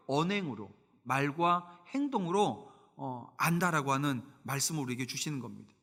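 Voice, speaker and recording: A middle-aged pastor preaches a Sunday sermon in a reverberant church sanctuary. His voice is on the high side, bright and forceful, and he speaks emphatically, asking the congregation rhetorical questions.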